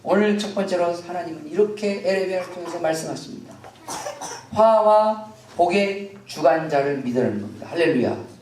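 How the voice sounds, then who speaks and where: Female pastor, impassioned sermon, animated pitch, echoey church from far off. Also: moderate pace, a little hiss or hum. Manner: impassioned preaching, acting out biblical dialogue. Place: church sanctuary.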